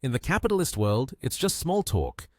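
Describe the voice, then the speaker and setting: A man voicing a calm, cocky rich young man who speaks softly and with self-assurance. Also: mid-range voice, moderate pace, dry recording, clean studio sound. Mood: self-assured.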